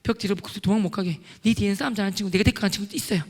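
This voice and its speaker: A middle-aged man gives a lively testimony at a church prayer meeting, acting out his scenes loudly. His voice sits high and he talks at a rapid clip. Long church-hall reverb trails every phrase. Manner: excitable storyteller, acts out scenes loudly. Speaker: lay deacon giving testimony. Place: church sanctuary.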